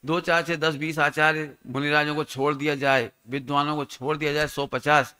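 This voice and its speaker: A man's voice: fairly high pitch, flat delivery, moderate pace, sharp tone, smooth. A man preaching a sermon as a pandit, teacherly and quizzing his listeners.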